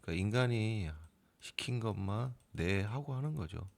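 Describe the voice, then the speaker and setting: A middle-aged man who hosts a crypto trading bot channel explains things casually to his viewers in a very low, gravelly voice. He's animated and talks at a moderate pace, but unscripted and hesitant, often stopping, restarting and filling gaps with small sounds. Now and then he briefly acts out scolding the AI program.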